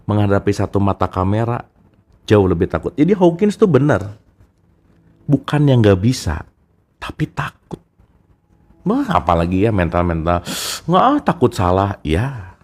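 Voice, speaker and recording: A man's voice: on the low side, big pitch swings, moderate pace, a little mellow. A man giving a casual, chatty talk about a self-help book and speaking straight to his listeners as friends. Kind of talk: casual spoken book discussion.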